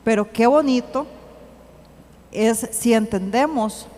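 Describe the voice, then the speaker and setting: A woman giving an earnest church teaching, slowing to read scripture aloud. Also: fairly high pitch, mellow. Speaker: church speaker. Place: church hall. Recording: long hall reverb.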